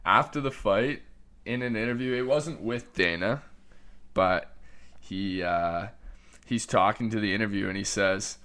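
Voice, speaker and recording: A man from Canada co-hosting a podcast, chatting casually and analytically about fight results, often trailing off softly. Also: fairly low pitch, measured pace. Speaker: podcast co-host. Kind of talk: casual sports chat.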